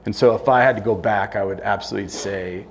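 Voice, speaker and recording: A middle-aged man speaks in a fairly low voice, plain and blunt, as a guest in an on-stage interview. He often breaks off and restarts his sentences. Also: fairly even intonation, fast talker, a little hiss or hum. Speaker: construction company owner, guest. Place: event room with audience.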